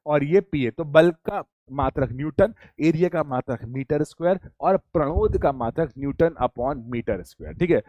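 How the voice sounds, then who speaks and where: A man's voice: a little high, a little mellow, no echo. A man teaching a physics class online, repeating key points and quizzing his students with call-and-response questions. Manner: addresses students as beta and bachhe.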